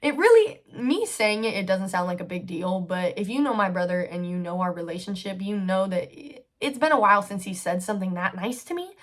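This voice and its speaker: A woman of twenty hosting a solo podcast, telling a personal story in a chatty, candid way, with lots of fillers and casual swearing. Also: fairly low pitch. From United States. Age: 20s. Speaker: podcast host.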